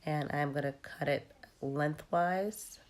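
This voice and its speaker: A woman's voice: deep voice, slow. A young woman with a cold and a tired voice, casually narrating her cooking with frequent ums. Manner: relaxed, chatty with frequent ums. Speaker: cooking vlogger.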